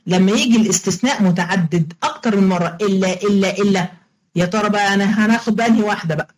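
Speaking very fast in a medium-pitched voice over poor audio, a woman with an Egyptian Arabic accent teaches an online lesson. The religious studies teacher keeps a playful, coaxing manner, repeats every step, and quizzes her students.

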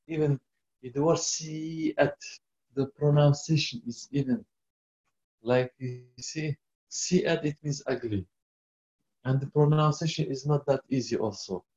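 A man teaching a Quran class, reciting verses in Arabic and explaining word meanings in halting English, often stopping to question his students. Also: fairly high pitch, mellow. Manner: halting, non-native English with restarts. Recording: dull lo-fi recording.

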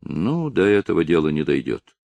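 A man's voice: deep voice, full character voice. A man reading an audiobook voices an old village elder and father who speaks steadily and firmly. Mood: calm, firm. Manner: steady, firm and measured.

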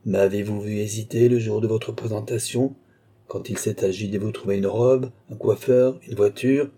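A man's voice: fairly low pitch, fairly even intonation, normal speed, warm tone, husky. A man voicing a wily old courtier duke in an audiobook, mannered and ironic. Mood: sly. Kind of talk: audiobook character voice.

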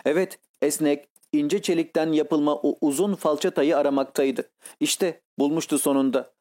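Mellow male audiobook narrator. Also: on the high side, fairly even intonation. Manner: measured, literary reading. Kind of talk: scripted narration.

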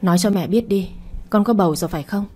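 A woman's voice: mid-range voice, quick pace, darkish tone, breathy edge, natural voice. A woman voicing a stern, worried middle-aged mother who presses her daughter with questions. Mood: demanding. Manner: questioning, scolding.

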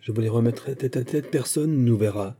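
A proud aristocratic count, courtly and stiff about his honour, as the male reader puts him on. His voice is very dark and husky. He sounds like a figure in a read-aloud storybook. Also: mid-range voice, brisk. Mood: solemn. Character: proud touchy male French nobleman, a count.

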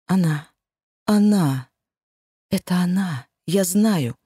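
Lady doing a shaky tearful noblewoman in a storybook, raised and loud, dry sound. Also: lowish voice, animated, slow, husky, no room sound, full character voice. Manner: trembling, pleading. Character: grieving noble woman, tearful and overwhelmed. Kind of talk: audiobook reading.

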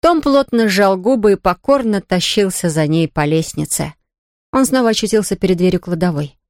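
A woman narrating a children's story in an expressive, steady way. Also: mid-range voice, normal speed, dry recording, studio quality.

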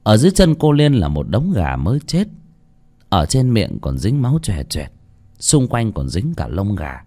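A man narrating a horror story in a dramatic, expressive way. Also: fairly low pitch, normal speed.

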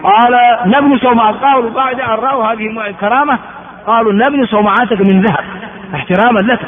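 A man's voice: very high voice, quick pace. A man from Ethiopia giving a classroom lecture on religious texts, repeating words and asking rhetorical questions of his students. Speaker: religious teacher. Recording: phone-like sound in an echoey hall.

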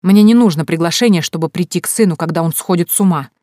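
A woman's voice: lowish voice, normal speed, mellow, no echo, studio quality. A woman reading an audiobook, voicing a stern, domineering middle-aged mother who scolds her grown son in an imperious way. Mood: scolding.

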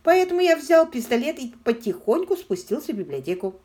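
A woman voicing a smooth, haughty aristocratic man with a suave, ingratiating manner. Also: sits high, very animated, fairly quick, warm tone, pitched above the performer's own voice.

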